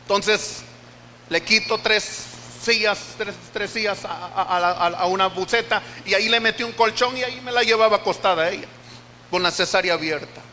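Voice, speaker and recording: A man's voice: high-pitched, moderate pace, pushed and bright, slight background noise. An older Costa Rican man preaching, a pastor telling an emotional testimony with repeated phrases in a church. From Costa Rica. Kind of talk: sermon testimony. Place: church hall. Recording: reverberant church hall.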